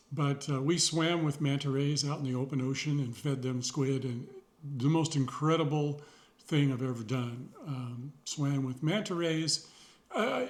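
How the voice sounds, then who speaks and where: A middle-aged man talking slowly and sincerely in a personal video journal, pausing often with fillers and a dry joke now and then. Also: a little high. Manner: rambling, pausing, many fillers; sincere, reflective, wry. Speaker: vlogger.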